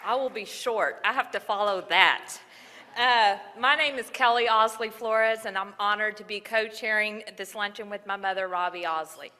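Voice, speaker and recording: A woman's voice: medium pitch, moderate pace, sharp tone. A woman giving brief, polite formal remarks as co-chair of a luncheon. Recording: hall reverb, crowd murmur.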